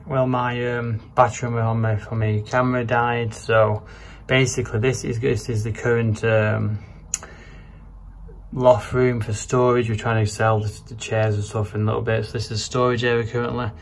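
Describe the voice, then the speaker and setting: A home renovation vlogger in his thirties narrates a walk-through of a house's rooms, speaking in a mid-range, level voice at a moderate pace. His manner is informal, matter-of-fact and rambling, recorded on a handheld camera or phone held at arm's length indoors, with noticeable background noise.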